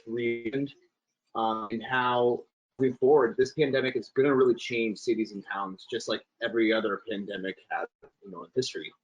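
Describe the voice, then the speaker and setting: A man's voice: medium pitch, highs cut off. A man speaking in a town planning meeting over a video call, his audio choppy and breaking up, hesitant with many fillers and restarts. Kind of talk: casual meeting talk.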